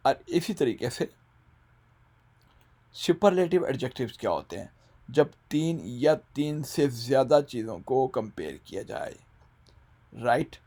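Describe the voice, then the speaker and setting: A man teaching English grammar in a recorded lesson, speaking with a Punjabi-Urdu accent. His voice sits at an ordinary middle pitch. He walks through the rules step by step, poses questions to the viewer, and drags out each English example sentence very slowly. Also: animated, mellow.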